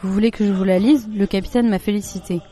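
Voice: mid-range voice, fairly even intonation, quick pace, mellow, faint music behind, natural voice. A storyteller voicing an earnest young schoolboy in a plain, everyday tone. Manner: plain, earnest child's talk.

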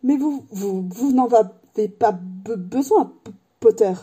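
A woman voicing a nervous young male professor who stutters on almost every word, with a dark, husky voice. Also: on the high side, slow. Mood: nervous, stammering.

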